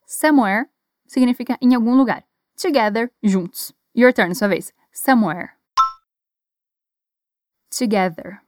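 Her voice a little high, a woman with a Brazilian Portuguese accent leads an English lesson, carefully and slowly modeling phrases for learners to echo back while she encourages them. The sound is dry and clean, as in a studio.

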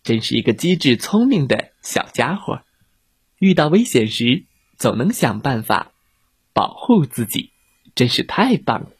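A playful children's storyteller who talks straight to the kids, with a very animated, sing-song rise and fall. The voice is slightly breathy and husky, recorded close and dry with no room echo. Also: medium pitch, measured pace. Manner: lively, playful, addresses children directly.

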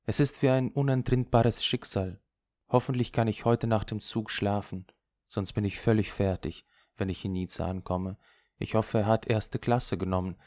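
A male reader voicing a restless, tearful young woman in an audiobook, raising his voice and pitch for her. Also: fairly even intonation, moderate pace, darkish tone, dry recording, studio quality, natural voice. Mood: weary. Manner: raised, emotional voice for a female character. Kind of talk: audiobook character voice.

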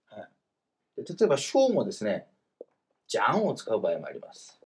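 A man teaching Chinese grammar in a casual, explanatory lesson, slowing down for the example phrases. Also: on the low side, huge pitch swings. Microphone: voice message recording.

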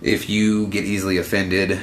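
Laid-back crude man, low voice. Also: little pitch movement, moderate pace, a little hiss or hum. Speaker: podcast host. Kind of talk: casual chat.

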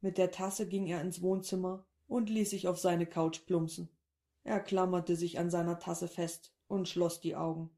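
A woman narrating a short story in a calm, even read-aloud manner. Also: on the low side, unhurried.

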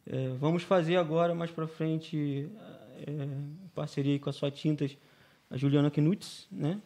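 Speaking a little slowly in a mellow, steady, higher-pitched voice, a Brazilian man who owns a painting business chats as a podcast guest. He's a talkative storyteller with a Brazilian Portuguese accent who keeps adding "né?" to his sentences.

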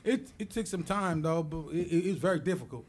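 A middle-aged American man guesting on a podcast tells stories energetically, acting out the voices of the people in them. His voice is a little high and a little fast, with a noisy background behind him.

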